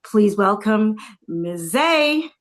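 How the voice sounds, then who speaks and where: A woman's voice: mid-range voice, sing-song, very slow, noisy background. Enthusiastic woman talk show host. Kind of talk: interview show hosting.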